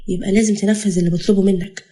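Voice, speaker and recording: A woman's voice: medium pitch, fairly even intonation, racing, dark tone, natural voice. A woman voicing a domineering middle-aged father, in an Egyptian accent, with a stern, threatening manner.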